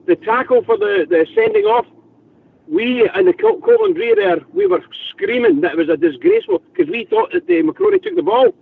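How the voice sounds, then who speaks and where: Man on the phone, high and gravelly, lively, tinny distant line. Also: a little fast. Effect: over the phone. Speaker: caller. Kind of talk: casual call-in chat. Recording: muffled phone line from far off.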